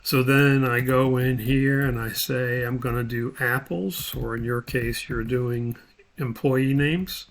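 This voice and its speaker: Working through software on the fly, this man explains each step in an unscripted, halting way, thinking out loud. He has a medium-pitched voice with a steady tone.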